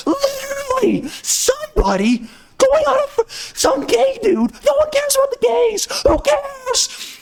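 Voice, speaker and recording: Guy with a high voice ranting hard about games, sarcastic and heated, keeps repeating himself. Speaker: gaming commentator. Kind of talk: unhinged rant.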